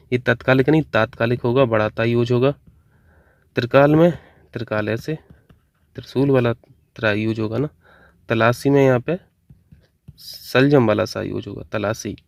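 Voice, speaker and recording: A man teaching an exam-prep Hindi spelling lesson, going briskly from word to word and correcting each one. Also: medium pitch, vocal fry, dry recording. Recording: dull, dry lo-fi recording.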